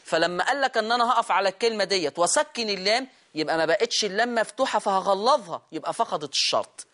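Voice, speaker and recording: A man with an Egyptian accent, a Quran recitation teacher explaining rules in a lesson. He asks his students questions, repeats key words and slows down to sound them out. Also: high voice, expressive, fairly bright tone. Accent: Egyptian Arabic.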